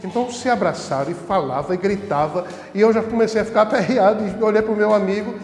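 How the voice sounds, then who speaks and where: A priest from the Northeast, with a notably high voice for a man, tells amusing stories from his parish life in a relaxed, chatty way. He laughs easily. The voice rings out in a roomy space with long reverb, and soft music plays underneath. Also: quick pace. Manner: laughs easily while telling funny stories. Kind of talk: casual storytelling. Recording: echoey room with long reverb.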